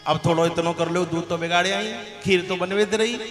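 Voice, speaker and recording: A bossy, scolding old mother-in-law in a lilt, as a male preacher puts her on. The voice sits fairly high and rings through a reverberant hall with devotional music playing behind. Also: steady tone, fairly quick, fairly bright tone.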